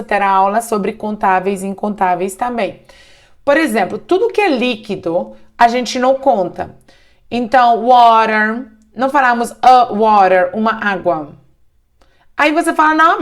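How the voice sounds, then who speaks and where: A woman teaching English grammar in a slow, deliberate way, often checking in with the listener. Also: fairly high pitch. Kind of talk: online grammar lesson in Portuguese.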